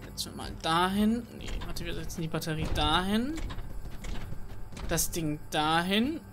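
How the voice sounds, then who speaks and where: A woman's voice: lowish voice, animated, measured pace, fairly bright tone, a little hiss or hum. A woman commenting casually on her own gameplay at home, chatty and self-mocking, thinking aloud with many fillers. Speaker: let's play host. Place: home room at night. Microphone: desk microphone.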